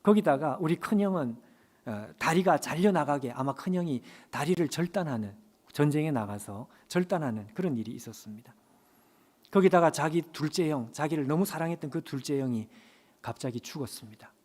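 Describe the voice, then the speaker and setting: A male preacher delivers a sermon, telling a story with emphatic delivery. His voice sits fairly high and swings widely in pitch as he presses each point. He turns again and again to address the congregation directly. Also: animated, brisk, darkish tone. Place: church service.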